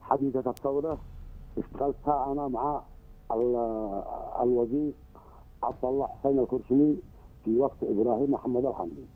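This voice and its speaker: An older man with a Yemeni Arabic accent who calls in to a radio show and rambles through his memories with many pauses. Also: mid-range voice. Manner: rambling, halting recollections. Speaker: caller. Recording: tinny phone line.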